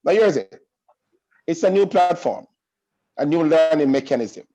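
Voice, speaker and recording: A man's voice: on the high side, lively intonation, normal speed, warm tone, muffled recording. A middle-aged man, a school principal giving an earnest, reassuring welcome speech to parents over a video call, often repeating and restating himself as a preacher would. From Jamaica.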